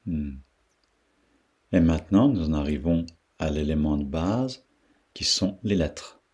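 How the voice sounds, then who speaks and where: Slow, husky low-voiced male meditation teacher. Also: expressive, darkish tone. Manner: slow, pausing, repeats syllables to demonstrate their sound. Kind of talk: guided meditation talk.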